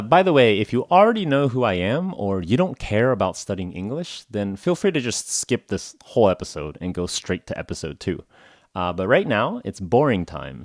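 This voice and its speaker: On a dry, clean studio recording, a young American podcast host from Oklahoma talks in a voice on the low side. His show is aimed at English learners, and he chats casually, sprinkling in plenty of "uh" and "like" along with self-deprecating humor.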